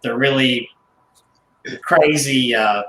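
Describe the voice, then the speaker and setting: A man, a guest collector, telling stories in casual radio chat, rambling and halting with restarts and small chuckles. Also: medium pitch, a bit bright, echoey room, a little hiss or hum, rough recording. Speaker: guest, haunted doll collector and author.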